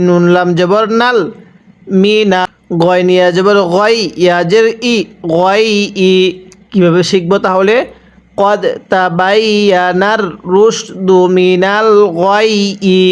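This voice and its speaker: Speaking with a Bangladeshi Bengali accent, a man teaches Quran reading, spelling out letters and drawing out words for learners to repeat. His voice sits high and sounds clean.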